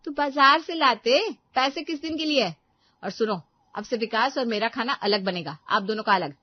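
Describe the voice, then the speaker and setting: A woman voicing a bossy, sharp-tongued young daughter-in-law who talks in a scornful, demanding way in a cartoon story. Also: fairly high pitch, brisk, dull audio, pitched above the performer's own voice, close to an everyday voice.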